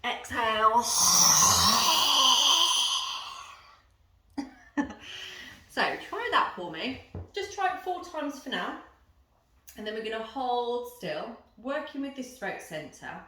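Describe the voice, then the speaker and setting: A woman's voice: a little high, big pitch swings, a little slow, background noise. A woman guiding a yoga and breathing lesson, giving informal step-by-step instructions and explanations to the camera. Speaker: yoga teacher. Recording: roomy echo, voice at some distance.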